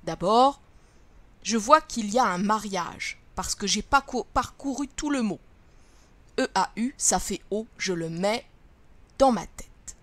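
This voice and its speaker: A woman, a first-grade teacher, gives a reading lesson to young children, sounding out letters and syllables slowly and clearly. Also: medium pitch, lively intonation, fairly bright tone, dry recording.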